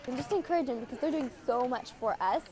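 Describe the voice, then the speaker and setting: Chatty, excitable young woman volunteer. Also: sits high, fast talker. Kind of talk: interview.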